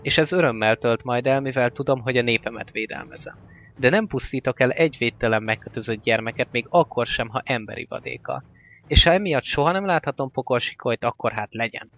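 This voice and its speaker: A man voicing a proud, resolute young male orc, speaking in a firm, measured way, on a slightly dull recording with faint music. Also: mid-range voice, natural voice.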